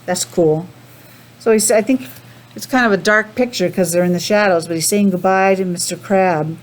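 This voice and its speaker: With a mid-range voice and moderate pace, a woman teacher reads a picture book aloud to small children. She keeps it animated, mixing in chatty asides and simple questions for them.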